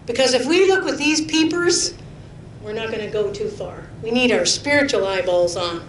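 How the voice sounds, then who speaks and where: A middle-aged woman preaching to her congregation, with a fairly high voice. She talks in an earnest, chatty way, laughing often and sinking to a hush for emphasis. The sound carries the echo of a roomy church hall, with a faint rumble underneath. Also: lively intonation, normal speed. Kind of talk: sermon with personal testimony.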